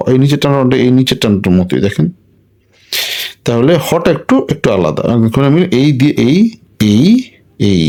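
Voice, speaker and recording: Male tutor, relaxed explainer, narrates strokes as he writes, repeats sounds. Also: medium pitch. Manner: talks while drawing strokes, repeats sounds slowly. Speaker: language teacher. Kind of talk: casual explanation while writing letters.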